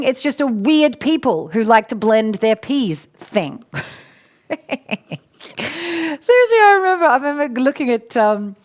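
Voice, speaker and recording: A woman's voice: fairly high pitch, fairly bright tone. A middle-aged Australian woman hosting a casual live stream, greeting viewers by name and laughing often. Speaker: coach and live show host.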